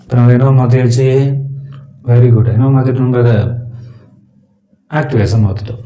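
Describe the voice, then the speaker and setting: A man with a Tamil accent teaches English grammar to school students at an unhurried pace, putting a question to the class and then answering it himself. His voice is dark and mellow. The recording has a noticeable room echo. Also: medium pitch. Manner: slow, asks questions and answers them himself.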